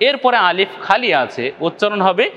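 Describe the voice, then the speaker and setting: Patient bangladeshi guy teaching recitation, keeps asking if u get it, highish voice, reverb-y room. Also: moderate pace, fairly bright tone, lo-fi sound. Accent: Bangladeshi Bengali. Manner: patient, repeats each point, often asks the viewer if they follow. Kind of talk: video lesson.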